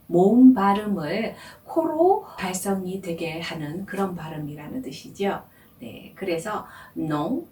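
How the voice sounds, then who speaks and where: A woman teaching French, explaining pronunciation slowly and carefully. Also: medium pitch, warm tone, echoey room, distant mic. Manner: slow, careful explanation with drawn-out demonstration words. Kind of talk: language lesson.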